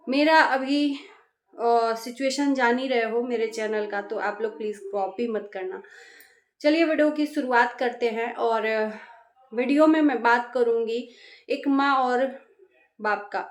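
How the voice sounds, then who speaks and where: A woman's voice: fairly high pitch, unhurried, roomy sound. A woman vlogger giving a scolding, exasperated reaction monologue that repeats phrases for emphasis.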